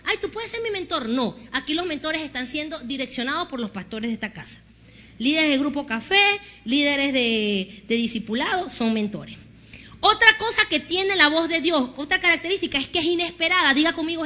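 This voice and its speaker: A woman pastor preaching an animated sermon, acting out conversations and having the congregation repeat after her. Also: sits high. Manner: animated storytelling, acts out dialogue with God.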